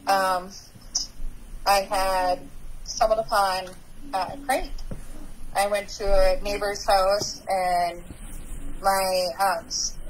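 A woman's voice: mid-range voice, slight background noise, low-quality recording. Candid woman telling her story. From North Dakota, USA. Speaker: guest. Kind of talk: personal recovery story.

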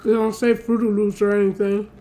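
A woman's voice: mid-range voice, flat delivery, moderate pace, warm tone. A woman doing casual eating ASMR as a mukbang host, making short remarks and murmured hums between bites.

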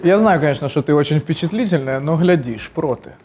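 Animated high-voiced young man, noisy. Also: brisk. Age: young adult. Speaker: comedian on an improv show. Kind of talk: casual comic banter. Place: studio living-room set with group. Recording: very noisy studio audio.

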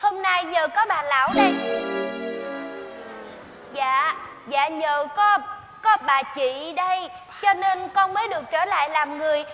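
A woman's voice: very high-pitched, unhurried, long pauses, bright, forceful tone, exaggerated voice. A meek, pleading young girl. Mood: polite. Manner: pleading, sweetly polite. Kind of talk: live stage comedy acting. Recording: stage hall reverb with music.

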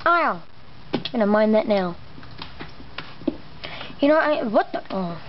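Very animated yet taking it slowly, this mid-range let's play host swears casually and mutters exclamations over his game, his R sounds a bit imprecise. A camera pointed at a monitor records the muffled, lo-fi sound against background noise.

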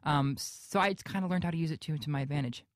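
A young man with a high-pitched voice answers questions as a radio guest. He talks haltingly, with lots of fillers and restarts. The sound is close and dry. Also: no room sound. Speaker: guest actor. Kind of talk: radio interview.

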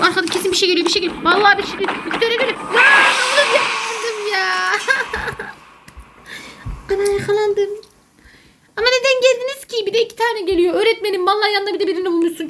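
A woman's voice: very high-pitched, a bit bright, slight background noise. A woman doing jokey, panicky let's play commentary as a gaming YouTuber who calls herself a gamer mom.

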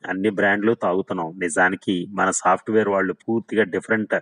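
A man's voice: low-pitched, fairly even intonation, fast talker, fairly bright tone, poor audio. A man voicing a boastful, flippant young man who talks with swagger. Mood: bragging. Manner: swaggering, teasing.

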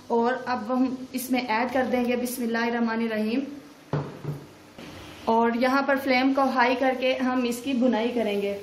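A woman's voice: sits high, echoey room, slight background noise, rough recording. A woman, a cooking channel host, talking through a recipe step by step in a voice-over. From Pakistan. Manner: steady step-by-step instructions.

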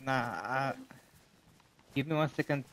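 A man's voice: medium pitch, measured pace, a bit bright, slight background noise. Hesitant man on voice chat. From Bulgaria. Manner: hesitant, lots of "uh". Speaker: fellow player. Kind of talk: casual in-game voice chat.

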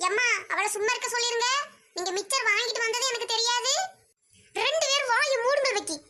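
A woman's voice: very high voice, a little fast, noisy background. A woman playing a cheeky younger sister who teases and tells on her sibling, in a Kanniyakumari accent. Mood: teasing. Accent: Kanniyakumari Tamil. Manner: teasing, tattling.

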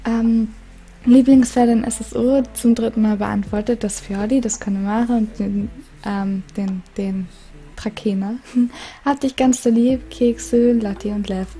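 Calm, very mellow-voiced young woman. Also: on the high side, a little slow. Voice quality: calm, soothing voice. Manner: giggly, reads letters aloud with frequent laughs. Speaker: gaming YouTuber. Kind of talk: casual chat reading viewer mail.

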